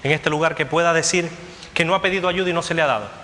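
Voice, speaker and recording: A man preaching a sermon with a bright, forceful voice, a little higher than most men. He hammers his points through repetition in a steady preaching cadence. The recording carries a long church hall echo over faint room noise. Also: rapid-fire. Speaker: pastor.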